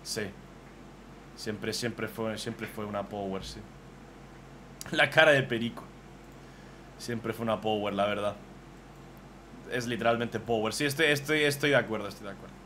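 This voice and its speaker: A man, casually commentating on fan drawings as a streamer, excitable and swearing freely. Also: on the low side, moderate pace, long pauses, a little hiss or hum.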